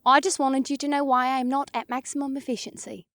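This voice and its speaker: A woman's voice: high-pitched, fairly even intonation, a little fast, fairly bright tone, no room sound, clean studio sound. A woman voicing a tired, serious feline alien warrior who speaks formally in an audiobook. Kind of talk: audiobook character voice.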